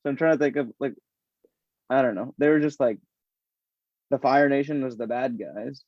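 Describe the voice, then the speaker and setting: A man chatting casually as a podcast guest, animated and rambling, laughing often. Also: medium pitch, moderate pace, no echo. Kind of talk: casual chat. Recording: dull, dry lo-fi sound.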